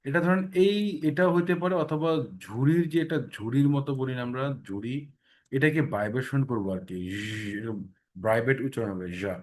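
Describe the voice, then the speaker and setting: A man's voice: medium pitch, a little fast. Patient man teaching pronunciation. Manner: explains patiently, repeating sounds many times and checking in with "ঠিক আছে?". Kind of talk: online class lesson.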